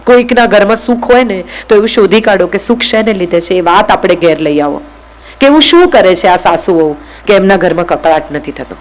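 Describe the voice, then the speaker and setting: A woman's voice: medium pitch, expressive, brisk, poor audio. A woman giving a motivational speech to an audience, speaking directly and firing questions at the listeners. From Gujarat, India.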